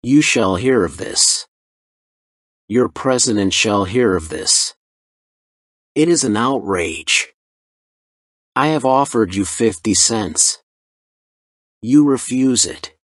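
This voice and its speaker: A man voicing a furious, pompous middle-aged customer in a storybook reading, shouting indignantly. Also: medium pitch, no echo, clean studio sound.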